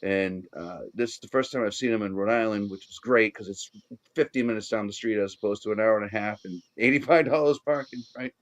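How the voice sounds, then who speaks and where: A middle-aged man from the Boston area, Massachusetts, speaks with a Boston accent in a low-leaning voice at a slightly fast clip. He's a guest in a casual chat, rambling with lots of restarts and fillers.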